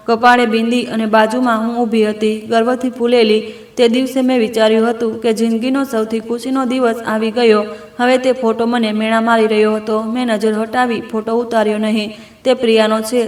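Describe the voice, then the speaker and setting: A woman reading a first-person family story aloud in an emotional, measured storytelling manner. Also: a little high, echoey room.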